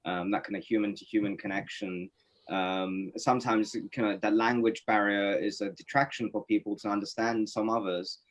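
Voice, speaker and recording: A man's voice: on the low side, steady tone, normal speed. A man from Norway, a poet and interview guest, giving thoughtful, reflective answers with many fillers and restarts on a webinar call. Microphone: webinar video call.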